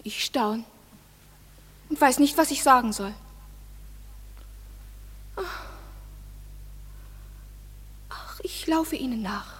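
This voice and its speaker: An actress playing Hermia, a jilted young woman in a classic radio play, swinging from bewildered to shrill rage. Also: unhurried, a bit bright, husky, full character voice. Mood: sharp. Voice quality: shifts from bewildered to shrill and raging.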